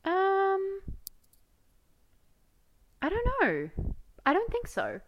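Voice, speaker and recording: A woman's voice: very high voice, wildly swooping pitch, drawn-out words, dull audio, a little hiss or hum. A young woman co-hosting a podcast in casual chat, gushing and effusive with frequent fillers. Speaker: podcast co-host.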